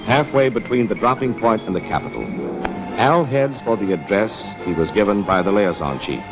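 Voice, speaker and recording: A man's voice: on the low side, normal speed. A man narrating a wartime training film in an instructive, commanding way, speaking straight to the trainee as in 1940s newsreel-era productions. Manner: instructive, commanding second-person address. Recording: dull 1940s film soundtrack, loud music.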